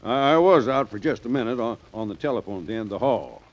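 A man's voice: mid-range voice, expressive, fast. An actor playing a flustered, stammering male street-corner Santa in a 1940s radio play, with an old radio show sound. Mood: nervous. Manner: nervous, stammering and evasive. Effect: old radio show broadcast sound. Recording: dull lo-fi vintage radio recording.

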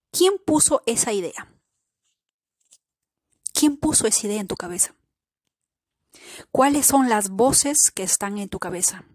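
A woman's voice: mid-range voice, no room sound, studio quality. A woman hosting a spiritual self-help podcast, speaking earnestly and posing many rhetorical questions to the listener. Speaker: podcast host. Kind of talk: reflective spiritual podcast talk.

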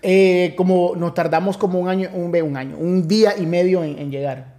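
A man's voice: sits high, fairly even intonation, moderate pace, warm tone. A man in his forties, a pastor invited as guest, affirming often and recounting events at length in a casual interview.

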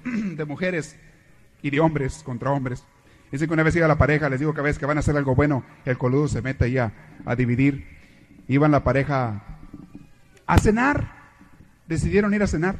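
Priest telling stories in a sermon, fairly high voice, jokey. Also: male voice. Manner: storytelling, joking.

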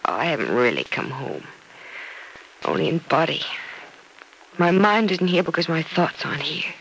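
A heartbroken young woman, talks in a measured, sorrowful way. Her voice has a slight gravelly edge. Her grief is earnest and withdrawn. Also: low-pitched, sing-song, a bit bright, slight background noise, heavily acted, poor audio. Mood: grieving. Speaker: radio drama actress. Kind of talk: 1940s radio acting.

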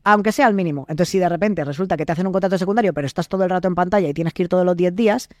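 A man's voice: high-pitched, very fast, dry recording, studio quality. A young Spanish man, an actor, explaining his work in casual interview chat and acting out quoted dialogues. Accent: Spain Spanish. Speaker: actor and podcast guest.

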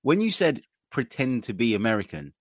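A man's voice: mid-range voice, big pitch swings, fairly quick, no room sound, clean studio sound. An English man hosting a betting podcast, reading quiz options and moving the show along. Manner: runs the quiz and steers the segments. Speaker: podcast host.

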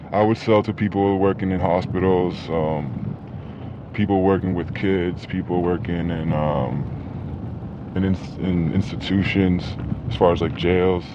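A former drug dealer, a man whose voice is electronically disguised and shifted low, talks haltingly in a casual interview with many fillers and restarts. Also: fairly even intonation. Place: inside a moving car. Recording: dull lo-fi sound with faint noise.

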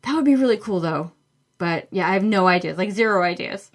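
Her mid-range voice is animated and brisk as she talks through listener questions on her book podcast. The host keeps it casual, chatty and enthusiastic, using lots of fillers.

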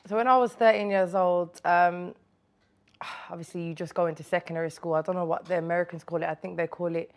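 A woman's voice: fairly low pitch, steady tone, brisk. A woman from Birmingham with a local accent, talking casually and in slang as an interview guest. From Birmingham, England. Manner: slangy, informal. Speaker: music artist being interviewed. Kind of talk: casual chat and personal storytelling.

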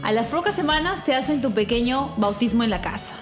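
A woman's voice: a little high, expressive, brisk, music in the background. A woman from Peru hosting an interview, chatting and agreeing readily with her guest. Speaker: podcast host. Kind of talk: casual interview chat.

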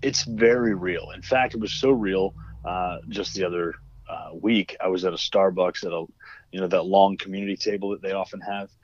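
A man's voice: sits low, fairly even intonation, moderate pace, dry recording, lo-fi sound. A man who writes novels, talking as a podcast guest in an earnest, emotional, reflective way. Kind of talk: casual podcast interview.

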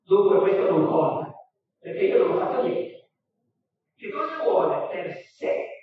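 A man's voice: high voice, very animated, unhurried. Ironic lordly devil, a man reading him aloud, distant and muffled. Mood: mocking. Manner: sly, sneering. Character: suave mocking male devil, lordly and ironic. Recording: roomy hall sound from far off, dull.

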